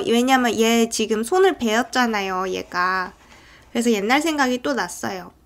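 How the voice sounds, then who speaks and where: A woman casually retelling a film's story scene by scene, in a chatty way that often breaks into acted character lines. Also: high voice. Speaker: film recap narrator. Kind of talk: casual movie recap narration.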